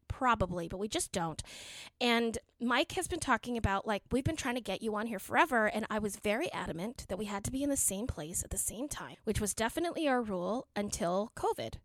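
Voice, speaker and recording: A woman's voice: fairly high pitch, no echo. A woman hosting a podcast, chatting casually with her guest in an enthusiastic, talkative way. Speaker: podcast host. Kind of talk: casual interview chat.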